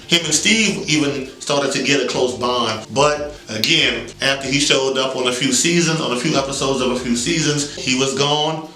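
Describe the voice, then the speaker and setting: A man's voice: medium pitch, sharp tone. A man giving casual commentary as a vlog host, talking in a loose, conversational, hedging way. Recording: roomy echo.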